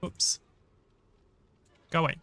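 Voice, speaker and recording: A man's voice: slow, sharp tone, no echo. A man hosting a casual gaming livestream, thinking aloud and chatting conversationally with viewers as he gives his commentary. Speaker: live streamer and host.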